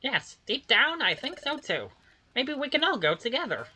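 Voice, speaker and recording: A woman reads a game's dialogue aloud. Her voice sits a touch high and sounds bright. Her delivery is animated and swings widely in pitch. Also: moderate pace, a little hiss or hum. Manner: expressive, animated line reading. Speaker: game player voicing dialogue. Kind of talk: reading game dialogue aloud.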